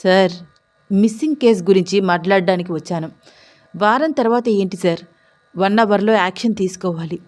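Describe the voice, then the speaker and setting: A woman's voice: medium pitch, normal speed, pauses often, darkish tone, lightly acted. A woman voicing a bold young male police officer who speaks firmly and seriously. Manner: firm, serious, fearless.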